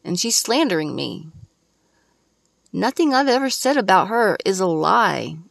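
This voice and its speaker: A woman's voice: medium pitch, very animated, unhurried, creaky, fairly bright tone, no echo, clean studio sound. A woman hosting a podcast, delivering an angry, profane and emphatic ranting monologue. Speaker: podcast host.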